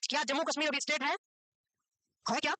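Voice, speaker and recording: Brisk, bright-voiced woman teaching a class. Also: high-pitched, steady tone, dry recording. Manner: quizzes and scolds students, brisk. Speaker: nursing exam teacher. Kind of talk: classroom lecture.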